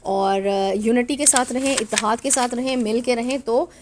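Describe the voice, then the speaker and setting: A woman's voice: on the high side, fairly even intonation, moderate pace, darkish tone, a little hiss or hum. A woman teacher reading a storybook aloud to young children, patiently spelling out the letters and asking questions as she goes.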